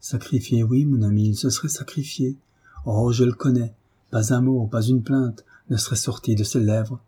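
A man's voice: medium pitch, steady tone, normal speed, mellow, slightly rough. A man reading the part of a dying young mother, tender and devoted, in an audiobook. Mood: tender, sorrowful.

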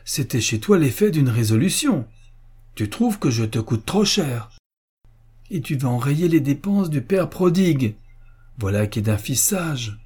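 A man's voice: mid-range voice, big pitch swings, measured pace, darkish tone, slightly rough. A man voicing an indignant old father, proud and hurt, in a storybook reading, with bitter, reproachful speeches.

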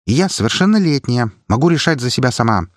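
A man's voice: medium pitch, sing-song, fairly quick, no room sound, clean studio sound, pitched above the performer's own voice, lightly acted. A man voicing Irina, a proud, fierce young noblewoman who speaks curtly and defiantly. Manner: curt, defiant.

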